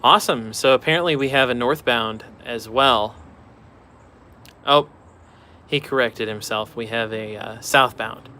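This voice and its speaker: A man's voice: medium pitch, measured pace, sharp tone, slight background noise. A man hosting a casual live stream outdoors beside railroad tracks, chatting offhand and answering viewer questions.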